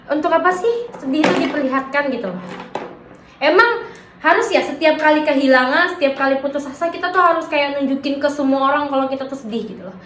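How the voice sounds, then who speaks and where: Young woman ranting through her story, kinda high voice, slangy and defensive, echoey room. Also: background noise. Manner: slangy Jakarta-style casual talk, defensive and emphatic. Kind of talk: personal storytime vlog.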